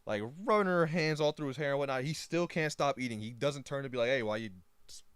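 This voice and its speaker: A man's voice: a little high, fast, smooth, no echo, clean studio sound. A young man co-hosting a podcast, recapping a film in casual chat and retelling scenes with fillers. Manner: animated retelling, trailing off with filler words. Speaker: podcast co-host.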